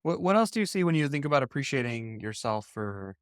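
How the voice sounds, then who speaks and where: A man's voice: medium pitch, big pitch swings, a little fast, no room sound. Probing middle-aged male coach, dry sound. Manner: probing, uses many fillers and restarts. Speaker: coach and podcast co-host. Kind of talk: coaching conversation.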